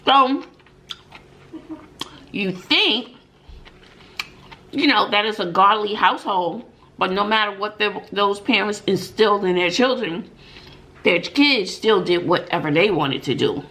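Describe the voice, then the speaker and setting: Speaking to her viewers in a casual way, a middle-aged woman who is a middle school teacher and mukbang vlogger relates stories and opinions emphatically, using rhetorical questions and lots of "mm-mm" interjections. Her mid-range voice is animated and sharp-toned, at a measured pace with long pauses.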